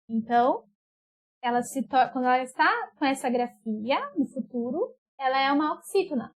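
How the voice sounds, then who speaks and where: Woman teacher, high bright voice, slow and patient, drags out words, checks that the pupils follow. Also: lively intonation. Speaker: school teacher. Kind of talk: remote class explanation.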